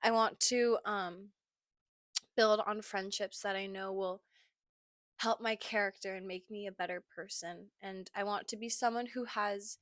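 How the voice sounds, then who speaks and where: A woman's voice: mid-range voice, fairly even intonation, a bit bright, dry recording, studio quality. Tired young woman musing through fillers. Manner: halting, many filler words, apologetic. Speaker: podcast host. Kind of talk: personal reflective monologue.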